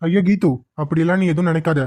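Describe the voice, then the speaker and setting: An impatient young man in a cartoon, voiced by a woman. He speaks curtly and fast in a lowish voice. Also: fairly even intonation, mellow, lightly acted. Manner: curt, irritated. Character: young man, impatient with cousin, doting on girlfriend.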